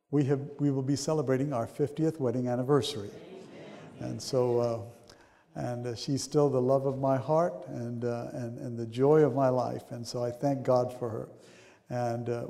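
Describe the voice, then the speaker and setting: A man's voice: medium pitch, warm tone. Older man from Sri Lanka preaching. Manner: rambling, many fillers and restarts. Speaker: pastor. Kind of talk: sermon. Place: church sanctuary. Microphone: handheld mic. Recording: long hall reverb.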